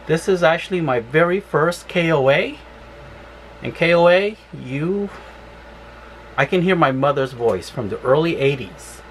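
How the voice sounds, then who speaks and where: A woman's voice: low voice, animated, a little slow, a little hiss or hum. A woman travel vlogger ranting angrily and swearing about her RV campsite. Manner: furious, profane complaining. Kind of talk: angry vlog rant.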